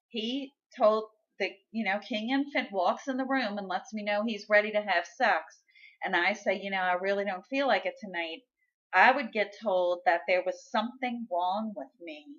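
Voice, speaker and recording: A woman's voice: mid-range voice, a bit bright, muffled recording. A woman vlogger telling a personal story in a frank, candid and exasperated way. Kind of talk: casual personal storytelling to camera.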